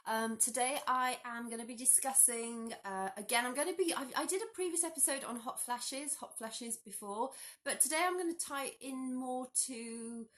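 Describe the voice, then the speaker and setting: A woman in her 40s, a health vlogger, talks casually to her phone camera in her living room at home, a little hoarse from a cold. Her voice is high and her pace moderate as she explains things in a chatty, animated way, gesturing with her hands and often restarting sentences.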